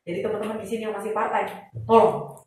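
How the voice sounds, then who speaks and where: A woman with a Javanese-tinged Indonesian accent giving an animated motivational testimony at a sales event, acting out dialogue and mixing in English phrases. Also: medium pitch, quick pace. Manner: animated storyteller who acts out quoted dialogue and mixes in English phrases. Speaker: speaker sharing her testimony at a sales event. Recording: echoey hall, mic far off.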